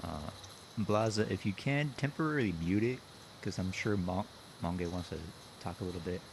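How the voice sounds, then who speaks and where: A man's voice: on the low side, moderate pace, a little hiss or hum. A man hosting a casual group chat, teasing his friends playfully. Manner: teasing, playful, counts down jokingly. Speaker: podcast host.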